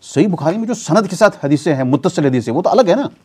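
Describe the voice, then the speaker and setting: A male scholar lectures a class in a mosque, his pitch sitting a little high for a man. He sweeps up and down as he fires questions at the room and then answers them himself. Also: expressive, quick pace, a little mellow, slightly rough. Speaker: Islamic scholar teaching a weekly class. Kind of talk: classroom lecture on hadith terminology.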